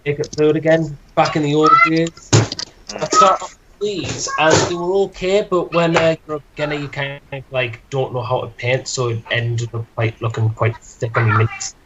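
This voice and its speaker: A man's voice: a little high, steady tone, normal speed, dull audio, very noisy. A man chatting casually, filling his talk with "like". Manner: chatty, lots of "like" fillers. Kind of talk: casual chat.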